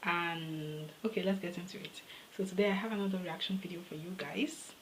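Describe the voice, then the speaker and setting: A woman's voice: on the low side, fairly quick, slight background noise, low-quality recording. A woman hosting a reaction video, chatting casually and thinking aloud as she second-guesses her guesses.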